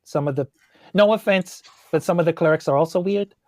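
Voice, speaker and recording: A man plays a tiny forest gnome sorcerer, centuries old, in an improvised tabletop role-play, sounding rambling, tentative, and a bit defensive. His voice is slightly high and darkish in tone, delivered fairly quickly and naturally. The studio-quality recording has no echo.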